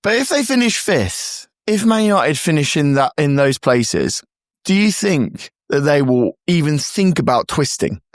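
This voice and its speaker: Higher-voiced man, lively questioning. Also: a little slow, dry recording, clean studio sound. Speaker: football panellist. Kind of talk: casual questioning in a football chat.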